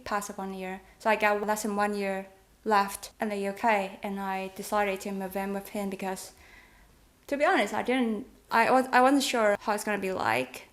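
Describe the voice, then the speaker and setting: This vlog host, a thirty-year-old woman from Taiwan, speaks with a Taiwanese accent and grew up speaking Mandarin. Her casual chat is conversational, giggly and hesitant, delivered in a mid-range voice at normal speed with fairly even intonation.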